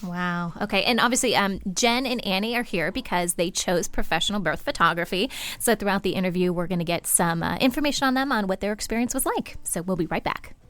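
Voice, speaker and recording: A woman's voice: medium pitch, brisk, fairly bright tone. A woman hosting a pregnancy podcast, introducing the show and its panelists in a chatty way. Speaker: podcast host.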